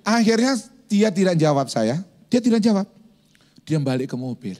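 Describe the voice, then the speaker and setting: A male pastor preaching a sermon in a lively storytelling manner, acting out quotes and sound effects. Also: sits high, moderate pace.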